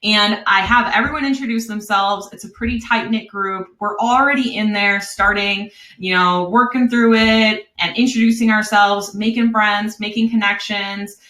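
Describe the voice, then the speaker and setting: Wisconsin woman, webinar sales pitch, bright forceful voice, echoey room. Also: fairly even intonation, moderate pace, hardly any pauses. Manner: upbeat, chatty, laughs often. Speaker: online course host.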